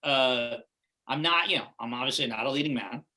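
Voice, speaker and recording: This Los Angeles guest actor, middle-aged with a relaxed Californian accent, rambles through a casual interview chat, peppering his talk with "like" and "right?". His mid-range voice is brisk, pushed, and bright.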